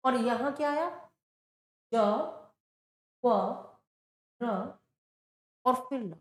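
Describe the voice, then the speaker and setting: A woman's voice: on the high side, drawn-out words, echoey room. A woman teaching a Sanskrit grammar lesson for exam preparation. She speaks patiently and asks the class questions that she then answers herself. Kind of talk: exam-prep lesson at a board.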